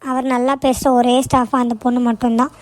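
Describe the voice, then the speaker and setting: Cartoon role: woman playing a young daughter, high voice, exasperated and snappy, dry close sound. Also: flat delivery, brisk, no echo, lightly acted. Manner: exasperated, complaining, argumentative. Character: young woman, frustrated, quick to snap. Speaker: daughter working in an office. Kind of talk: cartoon voice acting.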